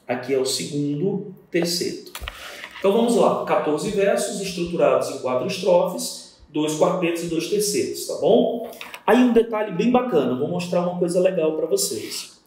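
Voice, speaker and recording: A man's voice: high voice, expressive, moderate pace, darkish tone, recorded from a distance, slight background noise. A man with a Brazilian Portuguese accent teaching a poetry lesson, counting lines and syllables aloud and answering his own imagined student questions. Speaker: literature teacher. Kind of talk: recorded exam-prep lesson on poetry. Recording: very echoey room.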